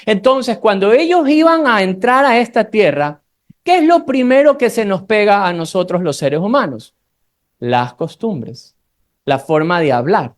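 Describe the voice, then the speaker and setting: A preacher from Ecuador speaks with a Guayaquil accent in a mid-range voice. They teach a Bible study sermon, slowing down to read scripture and turning to the congregation with casual, conversational asides. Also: medium pitch, very animated. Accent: Guayaquil Ecuadorian Spanish. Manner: slows down when reading scripture aloud, conversational asides to the congregation.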